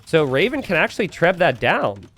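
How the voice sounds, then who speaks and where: Animated, high-pitched man commentating a game. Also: moderate pace. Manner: animated, bursts into excited repeated exclamations; casual, joking. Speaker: esports commentator. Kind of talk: live game commentary to a stream chat. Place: indoors at a computer.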